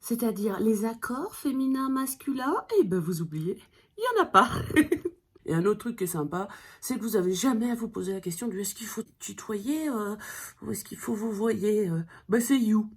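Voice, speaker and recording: A woman's voice: mid-range voice, normal speed, mellow, slightly rough. A woman giving a humorous beginner English lesson in French, playful and jokey, with whispered asides. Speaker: English teacher.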